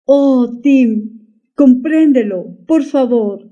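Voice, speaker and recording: A woman's voice: mid-range voice, animated, unhurried, mellow, dull audio, close to an everyday voice. A woman reading a young wife, desperate and pleading. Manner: pleading, emotional.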